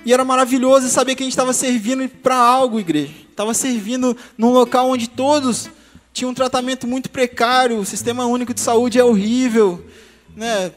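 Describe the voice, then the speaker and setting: A young man from Brazil telling his testimony to a church, lively and humorous, turning often to address the congregation. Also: very high voice, a little fast. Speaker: testimony speaker. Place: church hall. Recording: long hall reverb, soft guitar music.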